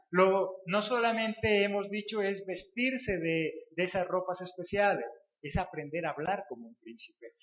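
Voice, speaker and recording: High-voiced preacher in an echoey church. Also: male voice. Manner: asks the congregation rhetorical questions, repeats phrases for emphasis. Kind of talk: sermon. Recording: echoey, dull lo-fi church recording.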